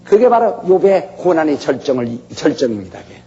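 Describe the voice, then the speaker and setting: A man's voice: a little high, very animated, fairly quick, dark tone, slight background noise. A male pastor preaching a sermon, telling the story dramatically and acting out voices. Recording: echoey hall, dull lo-fi sound.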